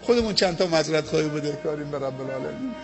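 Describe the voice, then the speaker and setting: A high-voiced man with an Afghan Dari accent preaches, telling a story in a sermon. His delivery swings between loud, stirring exclamations and hushed, low phrases. Music plays clearly underneath his voice. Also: expressive.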